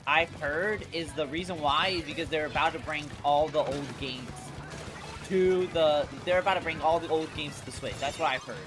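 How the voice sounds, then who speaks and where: A congested livestream host chats casually about games in a medium-pitched voice at normal speed, with music playing behind. He's slangy and sweary, often repeating and restarting phrases.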